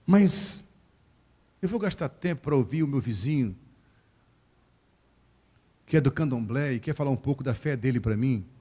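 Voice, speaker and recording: A man with a Brazilian Portuguese accent from Rio de Janeiro preaching a sermon at a church service, animated and acting out quoted voices, joking with the congregation. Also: mid-range voice, moderate pace, pauses often, slightly rough. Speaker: pastor.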